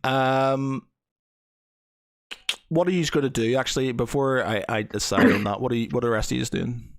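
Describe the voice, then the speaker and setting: A man's voice: medium pitch, normal speed, no room sound, studio quality. A man running a tabletop game as game master, improvising, often hesitating and stuttering as he thinks.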